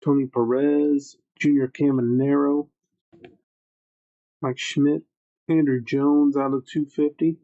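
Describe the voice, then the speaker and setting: Flat, muffled man hosting a card break. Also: on the high side, takes it slowly, pauses often. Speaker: trading card box break host. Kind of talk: livestream card break commentary, calling out player names.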